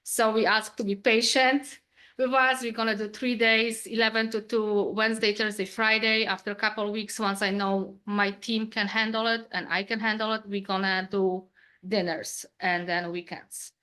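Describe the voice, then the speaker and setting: A woman's voice: medium pitch, little pitch movement, moderate pace, sharp tone. A woman from Poland with a Polish accent, speaking English informally with frequent fillers as a restaurant owner addressing a town council. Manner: informal non-native English, hesitant fillers. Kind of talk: public comment at a meeting.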